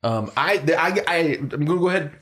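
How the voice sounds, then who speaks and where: Lively young man chatting on a podcast. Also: on the high side, fast talker. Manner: animated, laughs often, drops into mock voices. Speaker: podcast co-host. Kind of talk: casual chat.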